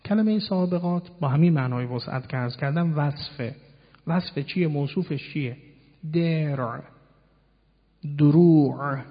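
A man's voice: a little high, husky. A man giving a sermon and teaching, explaining words one by one and asking rhetorical questions. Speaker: preacher. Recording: dull lo-fi sound in a long-reverb hall.

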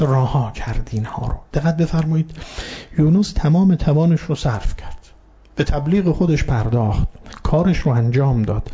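Male preacher, slightly high, mellow tone, patient explanatory sermon delivery, muffled recording. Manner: explanatory, addresses audience politely, quotes Arabic verses. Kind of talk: sermon on Quranic story.

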